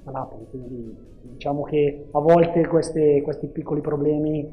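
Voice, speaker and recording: A man giving a hesitant post-match interview answer as an assistant coach, captured in low quality on a mobile phone. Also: fairly even intonation, moderate pace, highs cut off, faint music behind.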